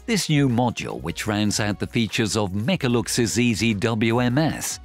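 A man reading a scripted corporate voice-over with clear, evenly paced promotional delivery. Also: mid-range voice. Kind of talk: scripted narration. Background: soft background music.

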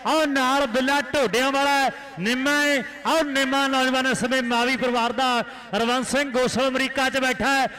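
Very high, frantic Punjabi kabaddi commentator man. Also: normal speed, hardly any pauses. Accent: Indian Punjab. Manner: repeats players' names and phrases in excited bursts. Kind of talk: frantic rural sports commentary. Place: live commentary at a village kabaddi tournament ground.

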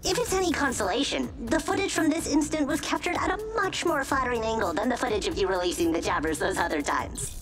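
A woman's voice: fairly high pitch, lively intonation, fast, few pauses, over music, natural voice. A woman voicing a chipper, formal lab AI that speaks precisely and politely. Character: cheerful female lab AI, politely bureaucratic.

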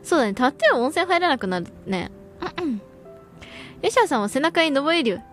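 A young woman chats away on a livestream in a high, bouncy voice that swoops up and down as she answers viewer comments. She talks in casual slang and breaks into laughter often. Faint music plays quietly behind her. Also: big pitch swings, normal speed. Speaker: VTuber streamer.

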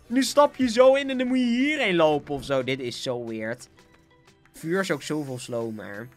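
With faint music playing behind him, a young Dutch-accented man gives casual live commentary on his game stream. He's bouncy and giggly though his throat is sore, and his voice runs on the high side with lively intonation at a moderate pace.

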